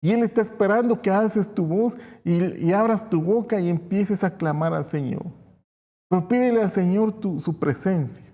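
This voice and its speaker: A man's voice: sits high, normal speed, mellow. A man with a Guatemalan accent preaching a sermon, explaining step by step and answering his own rhetorical questions. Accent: Guatemalan Spanish. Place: church. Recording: long reverb of a church hall.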